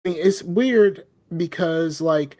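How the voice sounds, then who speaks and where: Here a middle-aged man from the Southern United States talks slowly in a high-sitting, darkish voice. He's a podcast co-host with a Southern accent, chatting loosely and rambling, with frequent "you know what I mean"s.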